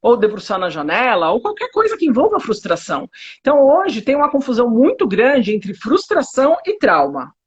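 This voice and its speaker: A Brazilian woman psychotherapist talks in a lively, swooping voice with a husky edge. She pushes her points with indignant rhetorical questions. The audio sounds dull and lo-fi. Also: on the high side, a little fast. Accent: Brazilian Portuguese. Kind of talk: conversational interview.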